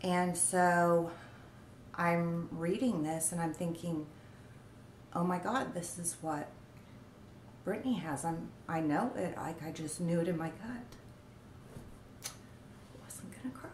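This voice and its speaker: Woman, 40s, low slow delivery, halting with fillers, roomy home recording with faint background noise. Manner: halting, many ums and pauses. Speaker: vlogger. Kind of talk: personal story told on camera.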